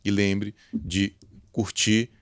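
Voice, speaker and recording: A Brazilian man hosts a podcast in a very deep, smooth and resonant voice. He talks in a conversational way. The sound is dry and close. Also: level tone, extremely slow, no room sound. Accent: Brazilian Portuguese. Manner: conversational, affirming with short interjections. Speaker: podcast host. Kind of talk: podcast interview, hosting.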